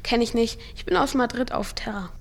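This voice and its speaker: A woman's voice: a little high, a little fast, vocal fry. A woman voicing a teenage boy from Earth in an audio drama, with casual, slangy teen talk. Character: teenage boy from Earth, cocky but grieving. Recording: music playing underneath.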